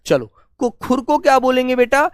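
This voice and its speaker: A man's voice: very high voice, big pitch swings, moderate pace, clean tone, no room sound. Male teacher doing a live online class, keeps repeating the question, calls everyone beta, patient but scolds a bit, dry close sound. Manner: gently scolding, patient explainer. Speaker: Hindi teacher.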